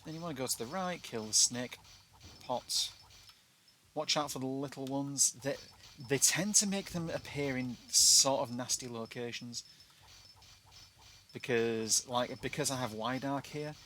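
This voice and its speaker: With a medium-pitched, bright, forceful voice, a British player talks unhurriedly through a game walkthrough. His commentary is casual, chatty and self-deprecating, his T's become glottal stops, and background noise is noticeable.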